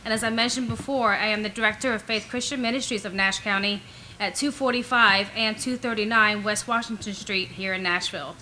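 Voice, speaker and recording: A woman's voice: medium pitch, fairly even intonation, fairly quick, bright, forceful tone, slight background noise, rough recording. A woman giving firm, prepared public comment at a council meeting, pressing her point with rhetorical questions. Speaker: resident and ministry director giving public comment.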